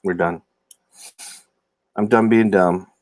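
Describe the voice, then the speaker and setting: Male streamer, casual chat, slightly low voice, dry close recording. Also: steady tone, slow, darkish tone, dry recording. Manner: rambling, self-deprecating, talks to chat viewers. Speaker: livestream host. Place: indoor room. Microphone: phone or laptop camera mic.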